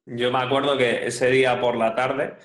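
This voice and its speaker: A man telling a story in a calm, measured way during a casual chat. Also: mid-range voice. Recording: roomy echo.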